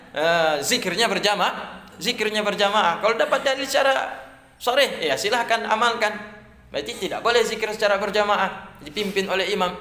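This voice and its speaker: A man's voice: sits high, sharp tone. A middle-aged man teaching a religious studies class, chatty and joking with his students, often repeating words as he explains. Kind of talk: classroom lecture. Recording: echoey classroom.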